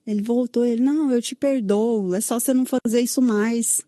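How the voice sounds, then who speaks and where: Woman telling her testimony, dark dry voice. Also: a little high, steady tone, fairly quick, no echo. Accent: Brazilian Portuguese, São Paulo. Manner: recounts with many "né?" tags and quoted dialogue. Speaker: guest sharing her testimony. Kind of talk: emotional personal testimony.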